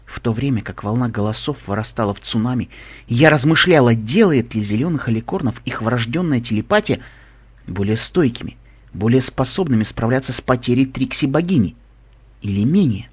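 Male audiobook reader, husky, measured first-person storytelling. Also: mid-range voice, lively intonation. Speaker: audiobook narrator. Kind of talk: first-person fiction reading.

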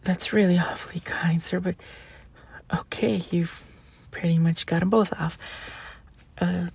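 A woman in an ASMR role-play, playing a flustered, polite college student who delivers food, with a breathy, husky voice and a hesitant, stammering, apologetic manner. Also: lowish voice, fairly even intonation, unhurried, a little mellow, exaggerated voice. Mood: bashful, yielding.

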